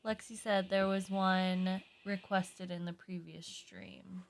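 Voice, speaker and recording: A woman's voice: medium pitch, little pitch movement, slow pace. A woman co-hosting a live stream, casually reading chat comments aloud and teasing her co-host.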